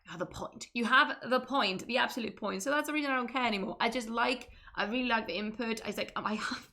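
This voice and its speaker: A woman from Spain streams a casual chat in accented English, talking fast in a fairly high, bright, forceful voice over slight background noise. She restarts often, interrupts herself, and laughs a lot.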